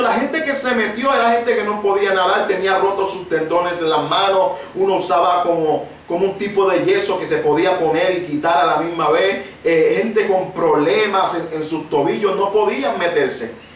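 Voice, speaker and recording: A fervent preacher with a rather high voice, speaking with passion and building to shouts. His voice rings through a very echoey space and sounds distant from the microphone. Steady light background noise sits under the sermon. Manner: impassioned, emphatic, building to shouted peaks. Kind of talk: sermon with personal testimony. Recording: very echoey room, voice far from the mic.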